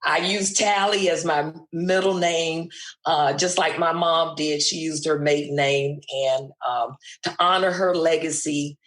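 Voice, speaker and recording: Slow-talking woman in her sixties. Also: low voice, steady tone, fairly bright tone, roomy sound. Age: 60s. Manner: slow, thoughtful, with fillers. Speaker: guest, retired middle school math teacher. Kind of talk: casual interview chat.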